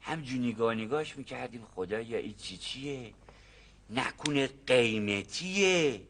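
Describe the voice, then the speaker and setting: An actor playing a nervous rural farmer who tells his story in hushed, dramatic whispers, in a TV comedy series. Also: fairly high pitch, very animated, background noise. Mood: secretive. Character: nervous rural male farmer, secretive and fussy. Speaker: farmer explaining a find.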